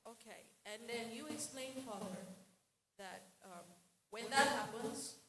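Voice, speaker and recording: A woman's voice: a little high, unhurried, crowd noise. A woman from the audience politely asking the speaker a question. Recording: very echoey room.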